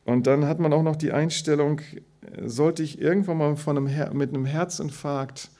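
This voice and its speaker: A man's voice: a little high, fairly even intonation, moderate pace, dark tone. A man who is a pastor, preaching a sermon and telling stories about himself with self-mocking humor.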